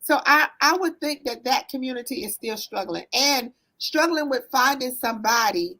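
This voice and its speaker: A woman with a Southern US accent speaks as a guest therapist, earnest and conversational. Her voice sits a little high, and she leans on fillers and asks "right?" as she explains. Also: expressive, normal speed, low-quality recording. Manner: earnest, warm storytelling with frequent "um" and "right?". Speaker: therapist, business owner guest. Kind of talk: conversational interview answers.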